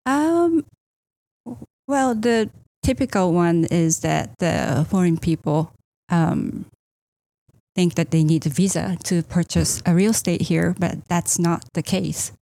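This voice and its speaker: Japan-born female realtor, middle-aged, hesitant and filler-heavy, dark tone. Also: on the low side, expressive, slow, gravelly, no room sound. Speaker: real estate agent. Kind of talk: interview answers.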